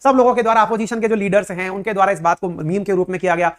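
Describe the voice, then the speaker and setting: Rapid-fire and steady in tone, a high-voiced man lectures conversationally on current affairs. He addresses viewers directly, asks plenty of rhetorical questions, and mixes in English vocabulary.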